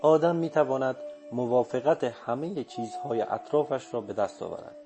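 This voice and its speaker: A man reading an audiobook voices a calm, assured old male sage who speaks in firm, confident pronouncements. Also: mid-range voice, soft background music, natural voice.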